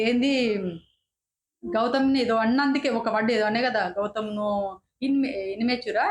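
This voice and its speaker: Fast-talking indignant woman. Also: a little high, roomy sound. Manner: indignant, repeats herself, frequent restarts. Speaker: reality show reviewer. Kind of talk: casual opinionated commentary.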